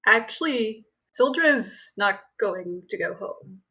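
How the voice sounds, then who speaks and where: A woman's voice: mid-range voice, animated, sharp tone, breathy edge. Hesitant woman player. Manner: halting, restarts often. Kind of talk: casual tabletop play.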